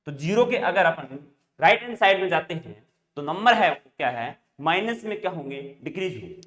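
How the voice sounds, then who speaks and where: A man's voice: on the high side, sing-song, brisk, a bit bright. A male teacher giving a math lesson, asking questions and answering them himself over and over. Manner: repetitive call-and-response questioning. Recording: echoey room.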